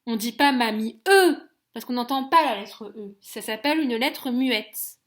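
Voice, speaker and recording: A woman teacher with a French accent giving a slow phonics lesson to young children, sounding out each letter and syllable clearly and gently. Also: a little high. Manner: gentle and encouraging toward children.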